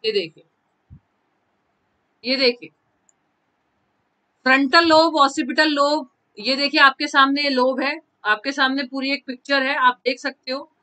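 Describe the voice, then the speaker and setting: A high-pitched woman teaches a live online class. Her voice is bright and crisp, and she repeats key terms and calls on students by name from the chat. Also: fairly even intonation, unhurried, long pauses, low-quality recording. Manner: mixes Hindi and English terms, repeats key phrases.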